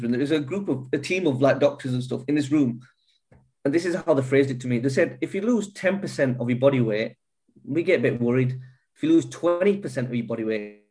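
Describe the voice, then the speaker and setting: A man of middle pitch speaks earnestly about a hard stretch of his life. He swears freely and often restarts his sentences, with an unpolished, candid delivery. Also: a little mellow. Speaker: guest. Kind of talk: candid personal storytelling.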